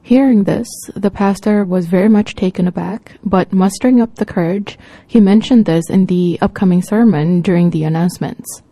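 A woman preacher delivers a sermon in a measured, deliberate way. Her voice is mellow and warm. The recording is dry and close. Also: medium pitch, dry recording.

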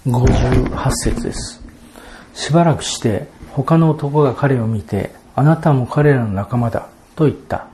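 A man preaching a sermon, explaining Bible verses in a measured, expository way and reading passages aloud. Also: medium pitch, warm tone, slight background noise. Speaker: pastor.

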